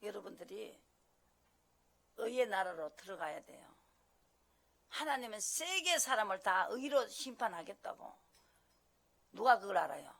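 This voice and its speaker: A woman pastor delivers a sermon in a forceful, sharp-edged voice with a gravelly texture. She preaches emphatically, asking her listeners question after question. Her loudness swings between strong bursts and quieter asides. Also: medium pitch, very animated, unhurried, pauses often. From Gyeongsang region of Korea.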